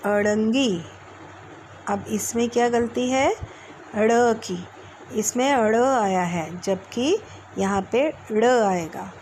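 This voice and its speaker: Woman schoolteacher, unhurried lesson delivery, drawn-out sounds, noisy recording with vehicles passing. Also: a little high, darkish tone. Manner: slow, drawn-out sounding of letters and words. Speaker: school teacher. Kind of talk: recorded Hindi language lesson for children. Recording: clear background noise with passing vehicles.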